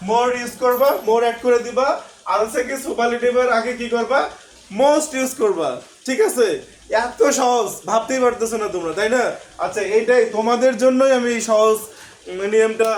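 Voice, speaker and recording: Very high-voiced man teaching English grammar. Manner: keeps asking the class rhetorical questions; mixes English words into his speech. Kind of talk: online grammar lesson. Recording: echoey room with faint background noise.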